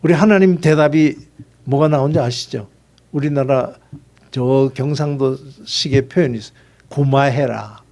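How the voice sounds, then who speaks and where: A man's voice: a little high, fairly even intonation, moderate pace, a little mellow. A male pastor preaching a sermon in a conversational way and acting out dialogues.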